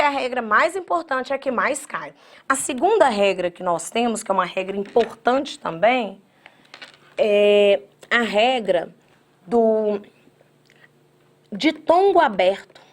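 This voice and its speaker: A Brazilian woman teaching grammar in an online exam-prep class, with a voice pitched a little high. She addresses her students directly and breaks words into slow syllables. Her delivery is lively and chatty. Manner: lively, talks straight to students, acts out their objections; spells words out slowly by syllable.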